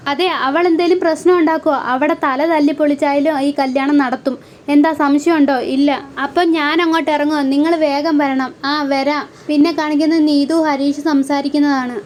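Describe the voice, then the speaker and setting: A woman recapping a television serial episode, reading out every role's lines in one plain, even voice. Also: high-pitched, slight background noise. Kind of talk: reading out soap opera dialogue.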